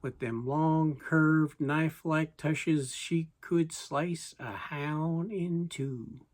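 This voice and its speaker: Slow reciting folksy verse. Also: mid-range voice, fairly even intonation, a little mellow. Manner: slow, folksy delivery with deliberate pauses. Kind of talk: cowboy poetry recitation, storytelling in verse.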